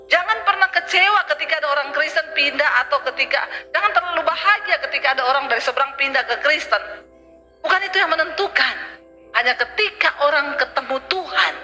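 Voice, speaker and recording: A woman's voice: high-pitched, sharp tone. A woman pastor preaching a sermon, telling a story and acting out the dialogue.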